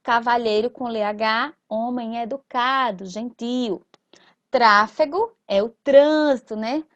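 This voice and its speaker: Woman, teacher, high voice, patient explaining, tag questions. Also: a bit bright, dull audio. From Sergipe, Brazil. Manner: slow, drawn-out and explanatory, with frequent tag questions. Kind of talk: recorded school lesson.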